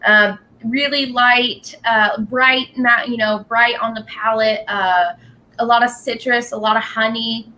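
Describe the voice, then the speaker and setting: A woman's voice: on the high side, bright, forceful tone, rough recording. A woman talking casually and explaining things as a company representative at a tasting. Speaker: distillery representative. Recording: clear background noise.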